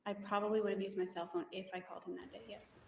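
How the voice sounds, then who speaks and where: A woman testifying in court, giving soft-spoken, hesitant, mumbled answers under cross-examination. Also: mid-range voice, flat delivery, very fast, gravelly. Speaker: defendant testifying as witness. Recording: distant echoey courtroom audio with faint hiss.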